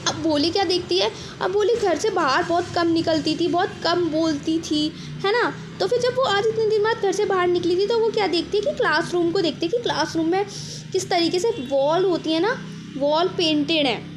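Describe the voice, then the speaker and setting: A young woman teaches a story chapter in a very high voice. She explains patiently and slips into the characters' lines as she goes. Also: moderate pace, noisy background. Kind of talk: chapter summary lesson.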